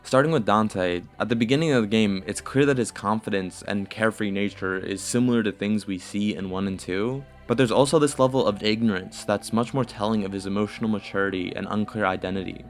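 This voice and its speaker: A man's voice: on the low side, a little fast, hardly any pauses. A man giving scripted video game commentary as an essayist, in a casual, profane manner. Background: music.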